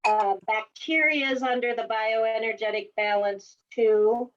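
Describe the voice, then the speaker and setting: A woman host who speaks slowly and patiently, explaining each step with reassurance. Her voice sits a little high. The recording sounds dull and lo-fi. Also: fairly even intonation. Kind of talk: casual explanatory chat.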